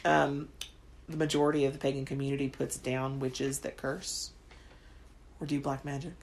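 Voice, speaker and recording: Low-voiced woman co-host, teasing. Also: little pitch movement, moderate pace, vocal fry. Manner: teasing, repeats words, laughs often. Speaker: podcast co-host. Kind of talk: casual chat.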